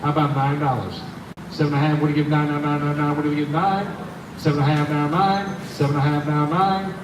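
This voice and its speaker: A man's voice: a little high, level tone, fairly quick. A man working as an auctioneer, calling bids in a repetitive sing-song chant. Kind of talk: live auctioneer chant, rattled-off repeated bids. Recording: roomy, distant, noisy live auction recording.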